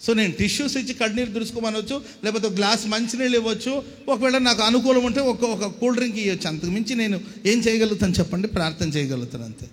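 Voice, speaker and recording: A male pastor preaching emphatically to a congregation, urging them to answer back and dropping English words into his sermon. His voice sits somewhat high and rings out with a long hall reverb. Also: fast talker.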